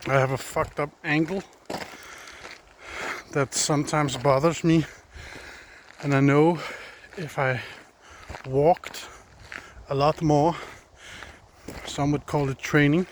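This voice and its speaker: Walking a forest trail with his phone in hand, a man from Denmark vlogs casually in Danish-accented English, his second language, musing aloud and occasionally groping for words. He talks slowly with long pauses in a steady voice on the high side, and background noise is clearly audible outdoors.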